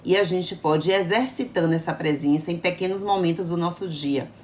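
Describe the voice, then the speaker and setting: Woman, middle-aged, somewhat low voice, chatty doctor talk, coaxing, faint hiss behind. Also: brisk. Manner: chatty, coaxing, often adds "tá bom?" and "né?". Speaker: eye doctor giving health advice. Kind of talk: informal health talk to viewers.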